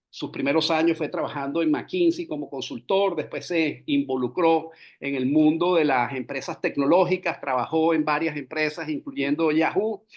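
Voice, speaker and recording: A man hosting a business podcast, giving a long flowing introduction in a fluent manner, slipping English business terms into his Spanish and pausing on "eh" fillers. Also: a little high. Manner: frequent "eh" fillers. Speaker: podcast host. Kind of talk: scripted interview introduction.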